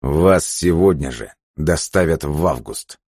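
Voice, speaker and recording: A ruthless commander barks orders in a very deep, husky voice, as a male narrator acts him out. He speaks harshly and with force. This is a storybook read close to the mic in a dry room. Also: animated, normal speed, dry recording, heavily acted. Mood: cold. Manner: barking orders, shouting in rage.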